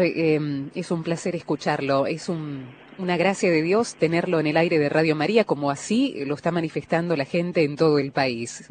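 A woman's voice: deep voice, a little mellow, slight background noise. Courteous woman radio host. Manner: courteous, formal. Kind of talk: radio talk show hosting.

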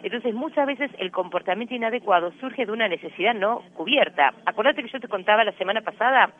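High-voiced Rioplatense man on a phone line. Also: animated, fast. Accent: Rioplatense Spanish. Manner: earnest, explanatory, lecturing. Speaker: parenting guest expert. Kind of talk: radio interview advice.

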